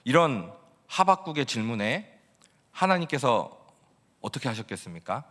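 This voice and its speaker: A man's voice: medium pitch, very animated, normal speed, a bit bright. A male pastor preaching a sermon in a conversational way, often asking the congregation questions. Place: church sanctuary. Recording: long church-hall reverb.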